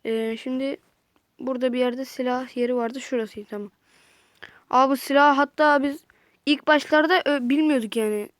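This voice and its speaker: A woman giving casual, jokey gameplay commentary, chatty and prone to sudden excited yelps. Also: high-pitched, moderate pace, dry recording. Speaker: gaming channel host.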